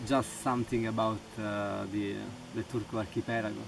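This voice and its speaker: Young Italian-speaking man from Sicily, halting and gravelly, recorded from a distance with music over him. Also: on the low side, little pitch movement, noisy background. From Sicily, Italy. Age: young adult. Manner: halting, many restarts and fillers. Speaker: volunteer. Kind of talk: interview answers. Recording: distant mic with loud music.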